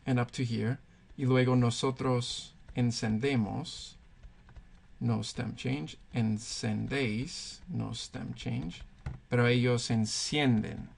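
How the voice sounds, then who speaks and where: A man's voice: medium pitch, steady tone, slow, creaky, darkish tone. A man teaching Spanish verb conjugations, patiently thinking aloud and pointing things out as he writes. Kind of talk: explaining grammar at a whiteboard.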